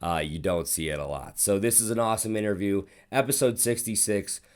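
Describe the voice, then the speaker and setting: A man's voice: on the low side, a little fast. A man hosting a sports podcast, telling stories in a casual, rambling way with plenty of swearing. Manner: profane, rambling, animated storytelling. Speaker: podcast host.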